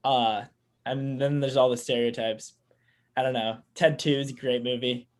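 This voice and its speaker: A man with a mid-pitched voice co-hosts a podcast in an easygoing, upbeat way. He keeps the game moving casually. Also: fairly even intonation, normal speed. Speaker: podcast co-host running the game. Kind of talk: casual chat.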